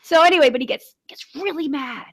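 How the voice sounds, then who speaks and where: A woman's voice: high voice, a little fast, a bit bright. A woman in her forties chatting casually as a podcast co-host, telling stories full of fillers and light laughter. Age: 40s. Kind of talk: casual chat.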